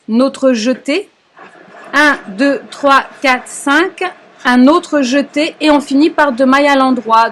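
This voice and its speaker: A young woman with a French accent, her voice sitting high, patiently explains knitting step by step during a live online lesson. She often pauses, hesitating, and checks on her students with "d'accord?".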